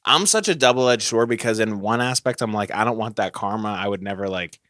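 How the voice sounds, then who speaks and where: A young man with a fairly low voice, talking candidly and freely swearing as a podcast co-host. The recording is dry and close. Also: a little fast, fairly bright tone, dry recording. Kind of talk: casual chat.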